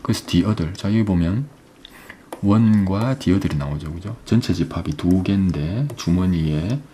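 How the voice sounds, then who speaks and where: A man teaching English, explaining an exam passage step by step, often asking "right?" and reading English phrases slowly. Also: low voice, mellow, slight background noise.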